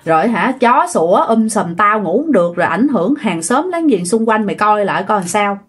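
A woman's voice: mid-range voice, expressive, fairly quick, slightly rough. A woman voicing an irritated older woman who bluntly scolds a relative, in a Southern Vietnamese accent. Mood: annoyed.

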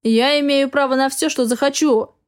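A woman's voice: high voice, steady tone, moderate pace, close to an everyday voice. A woman reading the lines of a domineering, angry husband in an audiobook, barking harsh commands.

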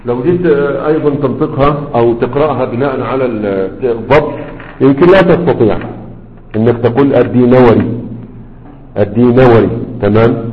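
A man teaching a grammar lesson in a conversational way, repeating words slowly to model how they are pronounced. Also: mid-range voice. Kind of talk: classroom lesson with questions. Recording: dull lo-fi audio with long hall reverb.

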